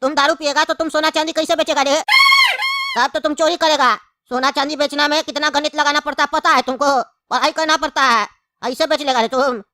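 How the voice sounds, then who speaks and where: A woman's voice: high-pitched, steady tone, fairly quick, pushed and bright. A woman voicing a bossy male judge in a comedy skit who scolds and mocks the accused. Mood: scolding. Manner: scolding, mocking, threatening.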